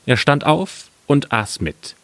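A man reading a fairy tale aloud in a calm, measured storytelling manner. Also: mid-range voice, no room sound.

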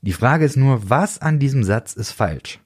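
A man hosting a reflective solo theology podcast, lively and often mimicking strict voices to make a point. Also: mid-range voice, a little slow, slightly rough. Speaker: podcast host.

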